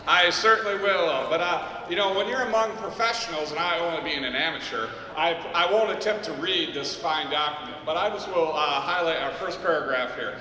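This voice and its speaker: A man's voice: on the high side, fairly quick, hardly any pauses, sharp tone. A man giving public ceremonial remarks as a guest official, with formal wording and a modest, hesitant delivery. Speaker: guest official presenting a proclamation. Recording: very echoey reverberant space.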